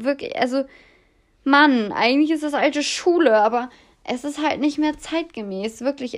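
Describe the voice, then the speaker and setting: A young woman in her twenties casually telling dating stories to her viewers, animated and dramatic, often laughing. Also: fairly high pitch. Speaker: vlogger.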